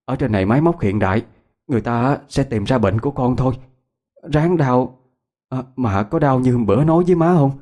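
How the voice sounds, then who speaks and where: A man's voice: mid-range voice, a little fast, darkish tone, pitched above the performer's own voice, natural voice. A man voicing a worried rural mother who stammers as she comforts her child. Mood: soothing.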